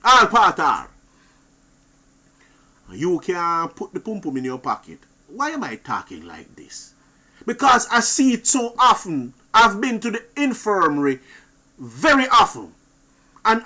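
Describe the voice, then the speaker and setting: A man holds forth like a street preacher, his voice bright and sitting a little high. He swings from loud, pressing outbursts down to low, muttered asides as he warns other men. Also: very animated, unhurried. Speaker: channel host.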